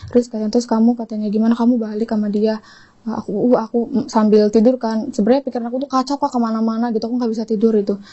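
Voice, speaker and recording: A young woman telling her own story in an interview, rushing through it and acting out the quoted dialogue. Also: fairly high pitch, muffled recording. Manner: fast, animated retelling, acting out quoted dialogue. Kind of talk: emotional personal account.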